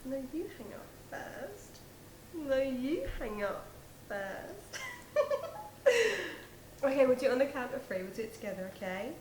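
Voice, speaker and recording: A woman's voice: high voice, sing-song, unhurried, long pauses, darkish tone. A woman playing a lovestruck young woman who giggles and gushes about her boyfriend. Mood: giggly. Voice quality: giggly, gushing. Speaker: sketch character. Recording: roomy echo, faint noise.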